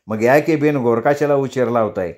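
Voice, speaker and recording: A male storyteller playing a hot-tempered village taxi driver, blustering and quick to snap. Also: medium pitch, a little mellow, close to an everyday voice. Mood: chatty.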